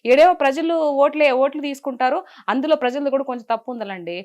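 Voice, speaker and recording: A woman's voice: high-pitched, a little mellow, muffled recording. A woman from Nellore with a Nellore Telugu accent, speaking outspokenly and emphatically as an interview guest. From Nellore, Andhra Pradesh. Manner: outspoken, emphatic, fast-talking. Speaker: interviewee, political social media commentator. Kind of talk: casual interview chat.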